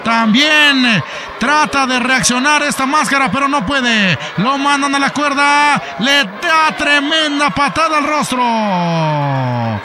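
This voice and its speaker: A man with a Mexican accent giving excited, playful wrestling commentary in a shouting manner. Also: extremely high pitch, takes it slowly. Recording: loud arena noise behind voice.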